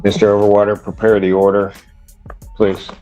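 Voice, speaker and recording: A man presiding as judge, speaking firmly and deliberately in a courtroom recording. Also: lowish voice, monotone, mellow, dull audio, faint music behind. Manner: firm, deliberate, procedural. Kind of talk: courtroom proceedings.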